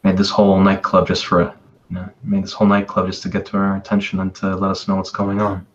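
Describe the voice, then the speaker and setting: A man's voice: low-pitched, completely flat delivery, quick pace, dull audio, close to an everyday voice. A man voicing an earnest young woman adventurer who explains things in a somewhat hesitant way. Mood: explaining.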